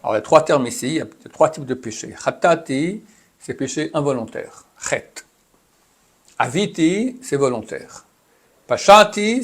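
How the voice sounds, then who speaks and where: Husky guy teaching a torah class, reads hebrew bits then explains them all chatty. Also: a little high. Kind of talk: Torah lesson, explaining texts.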